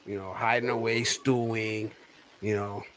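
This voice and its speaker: A man's voice: lowish voice, level tone, measured pace, fairly bright tone, slight background noise, rough recording. A man moderating a casual livestream chat in a reassuring, slangy way, often repeating his phrases.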